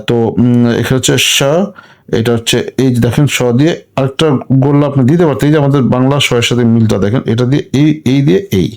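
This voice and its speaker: A man teaching alphabet letters in a casual way, talking while he draws each stroke and repeating the sounds slowly. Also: mid-range voice, a little mellow. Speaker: language teacher.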